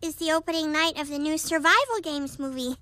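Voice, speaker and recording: Lisa, a bright earnest cartoon girl. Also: high-pitched, fairly quick, dry recording. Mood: apologetic. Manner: earnest and eager.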